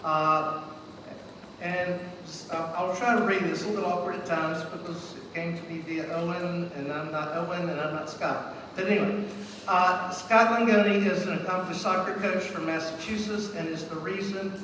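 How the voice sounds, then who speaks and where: A man's voice: high-pitched, steady tone, normal speed, fairly bright tone. A man presenting at a ceremony, reading an induction speech in a joking way and stumbling now and then as he reads. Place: event hall indoors. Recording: echoey hall from far off, noisy.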